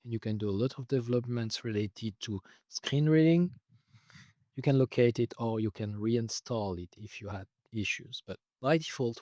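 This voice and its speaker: A man explains the tool he developed in a laid-back screen-recorded demo, pausing often, filling gaps with "uh," and rephrasing from the start. His voice sits in the middle range and sounds a bit worn and strained, like it's giving out. Recording is intimate and dry, with no room sound.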